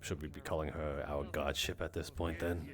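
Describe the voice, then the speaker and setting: A man playing a guarded, questioning security worker in an online role-play, speaking haltingly and repeating himself. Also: rumbling low, little pitch movement. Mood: puzzled, questioning. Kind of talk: improvised in-character role-play in an online game.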